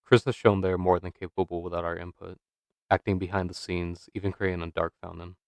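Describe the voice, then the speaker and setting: A man giving scripted narration for a video essay, measured and dramatic, posing rhetorical questions. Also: low-pitched, level tone, creaky, no echo.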